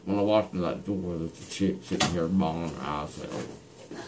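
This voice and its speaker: A man's voice: low voice, normal speed, a crowd in the background. A young man, groggy and loopy after having wisdom teeth out, rambling playfully with a muffled, bandaged mouth. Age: young adult. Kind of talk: casual chat. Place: small indoor clinic recovery room. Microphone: camera a short distance away. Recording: noisy handheld video in small room.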